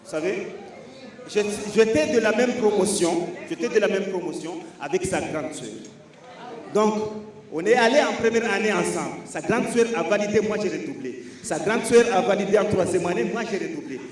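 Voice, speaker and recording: A man's voice: high-pitched, animated, moderate pace. A man doing punchy stand-up comedy on a live stage, telling stories animatedly and repeating phrases for emphasis. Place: live stage before an audience. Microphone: stage microphone. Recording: echoey hall, distant mic, audience noise.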